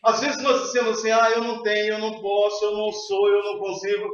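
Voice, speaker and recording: A man's voice: sits high, monotone, fast. A man preaching a sermon as pastor, emphatic and repeatedly calling out to his congregation. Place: church hall. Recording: echoey hall, distant, dull sound, faint music.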